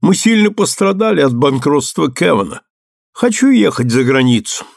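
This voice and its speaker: A man voicing a talkative young gentleman who has lost his fortune and rambles on. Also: on the high side, sing-song, normal speed, gravelly, no room sound, studio quality, exaggerated voice. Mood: chatty. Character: young man, ruined gentleman, chatty and gloomy.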